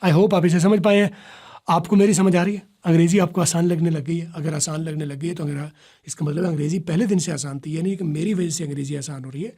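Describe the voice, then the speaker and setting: A man teaching spoken English pronunciation, explaining patiently, repeating examples slowly and often checking with "right?". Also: a little high, fairly even intonation, mellow, breathy edge. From Pakistan. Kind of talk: spoken English lesson in Urdu.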